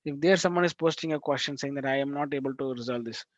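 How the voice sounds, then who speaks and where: A man teaching a live online class over a video call, talking in halting bursts with restarts and frequent check-ins with his students. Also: medium pitch, no echo. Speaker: instructor. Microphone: video call microphone. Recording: dull lo-fi call audio.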